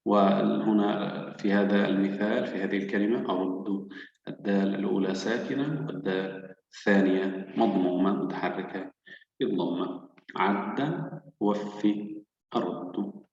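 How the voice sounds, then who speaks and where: A man teaching children to read, sounding out syllables slowly and patiently. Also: fairly low pitch, flat delivery, vocal fry, a little mellow. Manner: slow, patient, drawn-out syllables. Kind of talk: children's reading lesson. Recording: echoey, dull, hall-like room.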